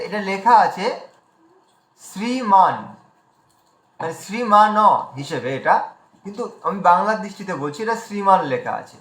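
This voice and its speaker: Bengali male teacher, high voice, patient explainer, echoey room, online class. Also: fairly bright tone. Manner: explanatory, spells out letters slowly. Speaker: Sanskrit pronunciation teacher. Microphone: video call.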